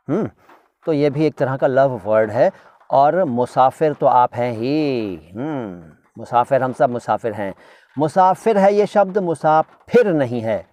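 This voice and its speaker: A man's voice: medium pitch, darkish tone, dry recording. A man teaching vocabulary in a chatty lesson, talking straight to his listeners and repeating each word to drill its pronunciation. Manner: chatty, addresses listeners directly with asides. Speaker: language teacher.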